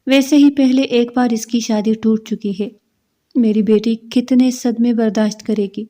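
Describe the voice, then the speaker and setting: A meddling middle-aged aunt, wailing and melodramatic, as a woman storyteller plays her. Her voice is pitched up and loud, yet keeps a mellow warmth. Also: steady tone, lightly acted.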